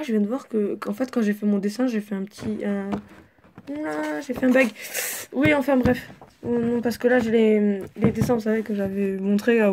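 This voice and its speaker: A young woman reads her own story in a loose, chatty way. Her voice sits a little high, and she drifts into rambling, swear-filled asides. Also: background noise. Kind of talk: casual story reading with asides.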